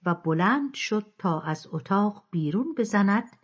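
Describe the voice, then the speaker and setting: A woman reads a novel aloud in a steady storytelling delivery. Her voice is husky, and her intonation moves a lot. The recording sounds dull and lo-fi. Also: medium pitch. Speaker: narrator. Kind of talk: audiobook reading.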